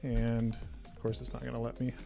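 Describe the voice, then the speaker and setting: A man's voice: medium pitch, monotone, a little fast, vocal fry. A man hosting a casual coding livestream, talking in an easygoing, agreeable way with plenty of fillers, with faint music behind. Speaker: livestream host. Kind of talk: casual chat.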